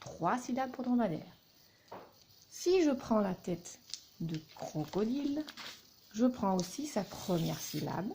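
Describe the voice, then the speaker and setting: A woman teacher giving a recorded lesson to young children, speaking deliberately and spelling out letters and syllables one by one. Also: medium pitch, sing-song, creaky, mellow, a little hiss or hum.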